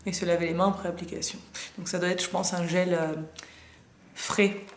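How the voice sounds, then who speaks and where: A woman's voice: lowish voice, little pitch movement, moderate pace, roomy sound. A woman in her twenties chatting casually through a beauty box unboxing, hesitant with frequent fillers and self-mocking jokes. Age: 20s. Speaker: beauty vlogger.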